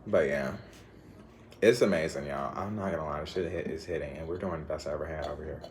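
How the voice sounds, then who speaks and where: A man's voice: very deep voice, quick pace, slight background noise. A man talking straight to his viewers in a loose, rambling monologue full of slang and scattered thoughts. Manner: rambling, scattered, laughs often, lots of slang. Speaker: vlogger.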